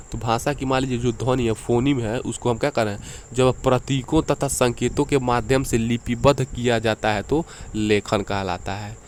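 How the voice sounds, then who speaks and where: Male tutor at mid pitch, patient exam-prep explainer who quizzes rhetorically; faint crickets behind. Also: slight background noise. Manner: explanatory, repeats key terms, asks rhetorical questions. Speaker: teacher.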